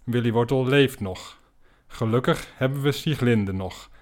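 A man hosting a podcast, telling an absurd comic story in a dry, deadpan way. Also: medium pitch, unhurried. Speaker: podcast host.

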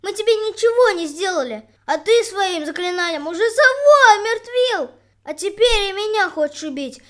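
A woman's voice: extremely high pitch, lively intonation, normal speed, voice pushed up. A woman voicing a worried, gloomy female crow in a children's fairy tale. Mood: indignant.

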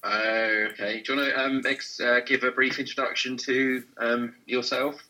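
A man hosting a podcast interview, chatty and relaxed, with lots of ums. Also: mid-range voice, normal speed, rough recording. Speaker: podcast host.

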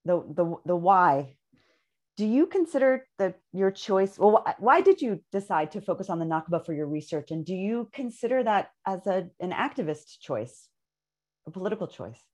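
A woman's voice: on the low side, very animated, moderate pace, darkish tone. A woman moderating a panel, courteous, asking questions with slight hesitations.

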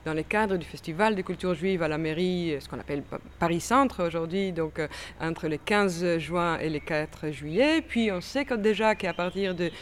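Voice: medium pitch, normal speed, a little hiss or hum. An exhibition curator explaining history in an interview, with frequent fillers and restarts. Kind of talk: expert interview answers.

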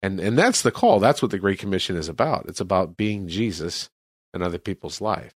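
A man's voice: low-pitched, animated, brisk, dry recording, clean studio sound. A man from California, a missionary, talking earnestly about faith in an interview. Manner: earnest, preacherly.

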